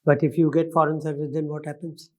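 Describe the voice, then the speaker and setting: A man with an Indian accent putting formal questions as an interview panelist, halting and often rephrasing himself. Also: fairly high pitch, little pitch movement. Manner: halting, repeats and reformulates questions.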